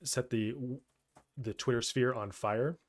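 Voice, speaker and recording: Guy co-hosting a streamer podcast, stammers and restarts a lot, medium pitch. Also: steady tone, slow pace. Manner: stammering, restarts words often. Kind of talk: casual podcast chat.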